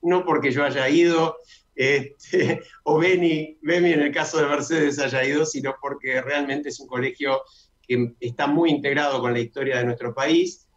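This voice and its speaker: A man hosting a radio talk show, chatty, who announces details slowly and repeats them. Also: on the high side, fairly even intonation. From Argentina. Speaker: radio host. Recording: dull lo-fi radio sound.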